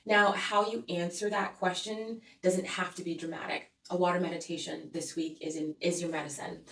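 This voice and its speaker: A woman's voice: lowish voice, flat delivery, normal speed, a bit bright. Earnest woman reading weekly tarot, roomy echo. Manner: soothing, earnest, repeats "okay?" to check in with viewers. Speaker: tarot reader and astrology host. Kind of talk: weekly energy forecast with tarot cards. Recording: roomy echo, voice a bit far from mic.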